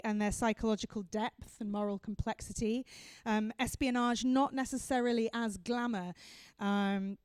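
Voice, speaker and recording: A woman's voice: a little high, darkish tone, smooth, dry recording. A woman hosting a live on-stage interview, introducing her guest with effusive enthusiasm. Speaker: host and interviewer.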